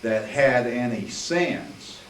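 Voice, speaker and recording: An older man recounting his memories in a rambling public talk, full of fillers and throat clearing, heard from a distance in a library meeting room. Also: mid-range voice, drawn-out words. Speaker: guest speaker, attorney. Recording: roomy, distant, faint hiss.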